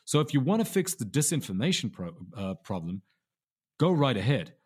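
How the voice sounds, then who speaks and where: A man's voice: mid-range voice, big pitch swings, normal speed, darkish tone, slightly rough. A man, a documentary filmmaker guest, making his points emphatically and repeating words for stress. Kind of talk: interview answer.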